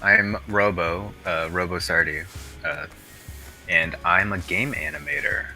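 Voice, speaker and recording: A man's voice: low-pitched, steady tone, unhurried, bright, forceful tone, faint music behind, rough recording. A man in his thirties working as a game animator, joking around in a casual stream chat with slangy, laughing talk. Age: 30s.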